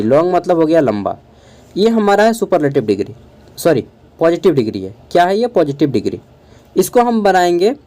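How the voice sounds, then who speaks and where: Young male tutor from Jharkhand, Khortha first language, somewhat high, mellow voice, patient casual lecture spelling words out. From Jharkhand, India. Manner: explains slowly, spells words out letter by letter; keeps checking in with listeners. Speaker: teacher. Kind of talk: casual exam-prep lecture.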